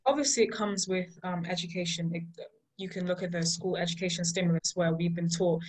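A young woman from Liberia and Ghana, arguing passionately in an online student debate with a fast flow of points and fillers. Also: fairly low pitch, fairly even intonation, a little mellow, low-quality recording. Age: young adult. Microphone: video call.

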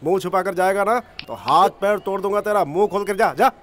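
A brash, boastful young goon. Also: male voice, sits high, fairly quick, a bit bright. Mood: bullying. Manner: brash bullying bravado. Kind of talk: Hindi film dubbing.

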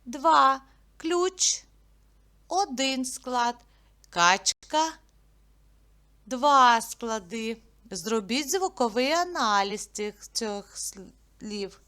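A woman teaching a literacy lesson to young children, speaking patiently and clearly and drawing out each sound. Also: on the high side, lively intonation, very slow, long pauses, pushed and bright.

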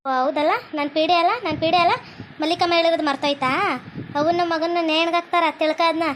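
A woman's voice: very high voice, steady tone, quick pace, a bit bright, slight background noise. A woman playing a sulky, demanding young village wife who nags and threatens, with a North Karnataka Kannada accent. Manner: nagging, threatening.

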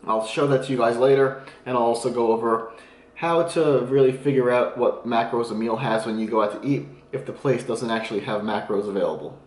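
A man in his twenties, a fitness vlogger, records an upbeat, casual vlog of his home meals, eating on camera while offering diet tips. The setting shifts from a small room to his kitchen, and his mid-range voice comes across fairly quick and reverberant.

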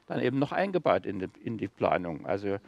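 A man's voice: lowish voice, sing-song, quick pace, creaky, no room sound, dull audio. A man who sits on a local council, talking as a guest on a talk show in a hesitant, explanatory way with many fillers. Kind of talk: casual talk-show conversation.

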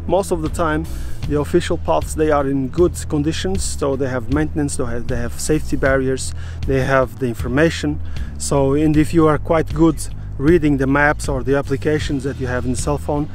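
A man's voice: on the high side, steady tone, darkish tone. Earnest mountain guide, man. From Madeira, Portugal. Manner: earnest, pauses and restarts while explaining, non-native phrasing. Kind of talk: casual outdoor explanation. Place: outdoors on a mountain trail. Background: guitar music.

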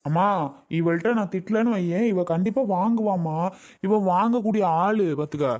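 A man's voice: high-pitched, normal speed, darkish tone, close to an everyday voice. A man playing a young husband and father who talks insistently and repeats himself. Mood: defensive. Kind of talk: family skit acting.

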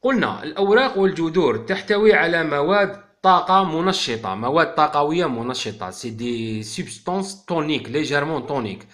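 An Algerian-accented man keeps up a quick, chatty explanation as he talks straight to his viewers. He is a bird keeper giving a casual video talk. The sound rings around a roomy, echoey space. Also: a little high, animated, fairly bright tone. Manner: explanatory, addresses viewers directly and informally.

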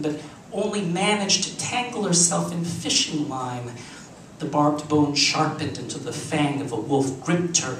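Slow, deliberate man reading aloud. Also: a little high, fairly bright tone, slight background noise. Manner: measured, deliberate reading with occasional slips. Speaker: reader. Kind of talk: live literary reading. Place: cafe performance space, live show. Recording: echoey room, distant mic, faint ambience.

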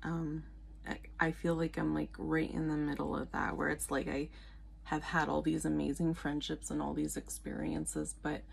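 Low gravelly-voiced woman vlogger. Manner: talks quietly, rambling with frequent laughter. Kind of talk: casual late-night vlog.

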